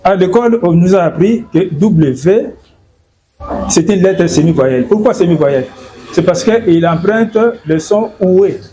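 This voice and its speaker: A man's voice: sits high, animated, measured pace, mellow, a little hiss or hum. A man from Congo explaining in an interview, hesitant and repeating words and fillers. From Democratic Republic of the Congo. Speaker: guest.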